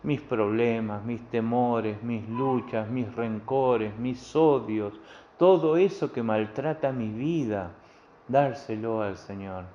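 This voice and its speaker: A man's voice: mid-range voice, slow, slight background noise. A male pastor with a Rioplatense accent giving a sermon in a plain, conversational way, often repeating phrases. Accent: Rioplatense Spanish. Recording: dull lo-fi recording with faint ambience.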